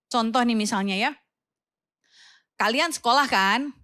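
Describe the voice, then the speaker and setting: Youth preacher, woman, young adult, East Javanese accent; high voice, close and dry, animated storyteller who acts out the voices. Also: unhurried, dry recording. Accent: Indonesian, East Javanese. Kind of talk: children's sermon with personal story.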